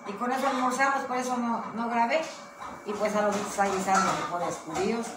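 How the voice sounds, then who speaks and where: An older woman with a Mexican accent talks in a rambling, affectionate way, like a grandmother chatting with her viewers. Her voice sits back from the mic in an echoey space. Steady background noise runs under everything she says. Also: a little high, fairly quick, far from the mic. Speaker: vlog host, grandmother. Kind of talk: casual home vlog chat.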